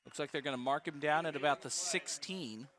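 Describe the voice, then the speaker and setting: Brisk male play-by-play football announcer. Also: on the high side, fairly bright tone. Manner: brisk, precise calling of each play. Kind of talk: live football play-by-play commentary.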